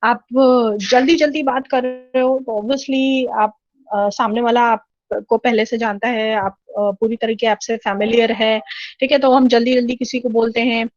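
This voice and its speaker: Woman lecturer, slightly high voice, dry and dull lo-fi recording. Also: fairly even intonation, measured pace, no room sound. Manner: explanatory, frequent 'theek hai' check-ins. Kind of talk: recorded lecture over slides.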